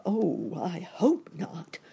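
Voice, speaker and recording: A woman's voice: deep voice, very animated, measured pace, gravelly, warm tone, breathy edge, exaggerated voice. A woman voicing a jolly, kindly old rabbit uncle in a children's storybook, genial and old-fashioned in phrasing. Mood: relieved, hopeful.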